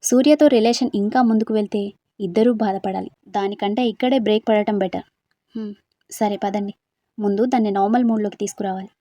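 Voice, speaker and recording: A woman's voice: mid-range voice, fairly even intonation, brisk, dark tone, no echo, close to an everyday voice. A woman voicing chatty young women friends in a hostel, teasing and prying with questions, in a storybook reading. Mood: curious, teasing.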